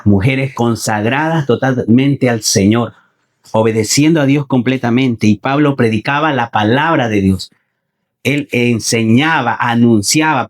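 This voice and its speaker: A man preaching a Sunday sermon in who often repeats phrases, asks the congregation questions and calls them his brothers. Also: medium pitch. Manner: addresses listeners as brothers.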